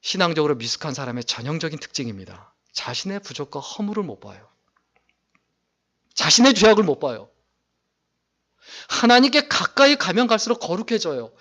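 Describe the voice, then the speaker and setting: A man preaching a sermon as pastor, reading scripture aloud in a raised declaiming voice and pressing his points with loud emphasis. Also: high voice, very animated, moderate pace.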